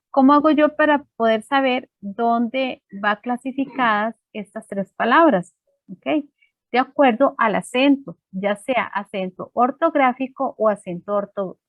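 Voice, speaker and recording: A woman's voice: on the high side, no room sound, highs cut off. A woman teacher giving a lesson on a video call, explaining step by step with frequent fillers. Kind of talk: online class lesson. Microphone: computer microphone on a video call.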